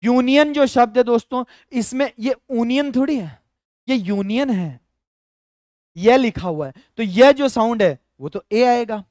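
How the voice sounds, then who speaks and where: A man's voice: very high-pitched, measured pace, a little mellow, dry recording, clean studio sound. A male teacher with a Rajasthani Hindi accent, explaining grammar step by step in a live online lesson and talking to viewers as friends.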